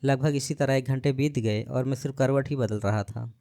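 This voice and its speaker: A man narrating a first-person story with a chatty, confiding manner, turning to his listeners as friends. His voice is of middle pitch and recorded close and dry. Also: steady tone, moderate pace, mellow, no room sound.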